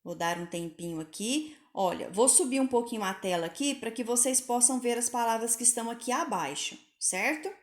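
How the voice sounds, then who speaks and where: In a recorded lesson, a woman patiently and clearly teaches pupils Portuguese spelling, sounding out every word slowly. Her voice sits a little high, and the room is echoey.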